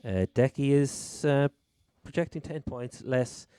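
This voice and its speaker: A man's voice: mid-range voice, animated, a little slow, dark tone, clean tone, no echo, clean studio sound. A man with a Cork Irish accent hosting a casual chat about sport. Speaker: fantasy football podcast host.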